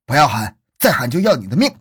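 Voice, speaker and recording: A man voicing a smooth-talking con man in a spoken crime story, close to his own voice. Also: lowish voice, a little fast, darkish tone, dry recording. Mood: threatening. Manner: honeyed, then harsh.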